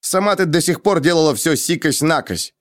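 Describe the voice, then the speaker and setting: A proud young man, played by a man reading aloud in a heated, biting outburst. His voice rides higher than usual and cuts hard. It is recorded dry and close. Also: lively intonation, brisk, no echo, natural voice. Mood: angry. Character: hot-headed young man, proud and defensive. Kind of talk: audiobook character reading.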